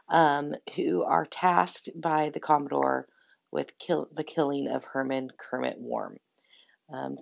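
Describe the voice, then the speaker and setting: A woman hosting her own podcast while sick, hoarse, chatting casually about books with frequent ums. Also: low voice, a little mellow, highs cut off. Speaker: podcast host. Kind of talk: casual book talk monologue.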